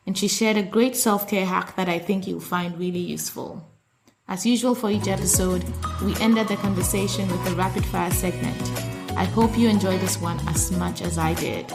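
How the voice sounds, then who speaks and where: A woman's voice: on the low side, darkish tone, roomy sound. A woman hosting a podcast, introducing the episode and asking curious, friendly questions. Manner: friendly, curious, reacts with quick interjections. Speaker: podcast host.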